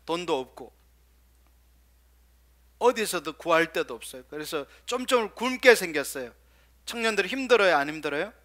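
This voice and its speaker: A male pastor preaching a sermon, firing rhetorical questions at the congregation and dropping into soft, quiet asides. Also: fairly high pitch, sing-song, moderate pace, pauses often.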